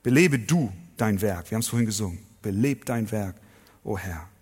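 A man preaching a sermon to his congregation, emphatic, asking rhetorical questions and swinging between loud and soft. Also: lowish voice, expressive, a little fast, breathy edge. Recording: long hall reverb.

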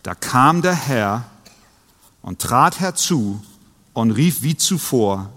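A man's voice: mid-range voice, lively intonation, slow pace, fairly bright tone, in a large hall. A man preaching a sermon, retelling a story and acting out the voices of its figures.

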